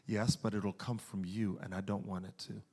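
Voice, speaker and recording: Man playing God's voice, low, quiet, calm and firm. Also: moderate pace. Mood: gentle. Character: God speaking gently to the preacher.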